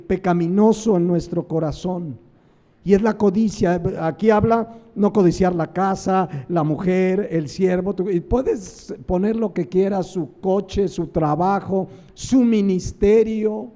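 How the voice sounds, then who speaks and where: A man preaching a sermon with a Mexican Spanish accent, teaching deliberately and asking the congregation questions. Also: high-pitched, dark tone. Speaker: pastor.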